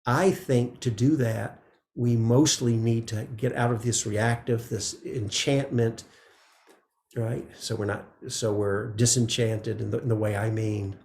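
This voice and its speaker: Man, meditation teacher, gravelly voice, gentle conversational dharma talk, echoey room. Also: medium pitch, steady tone, unhurried, slight background noise. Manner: gentle, conversational, frequent "right?" asides.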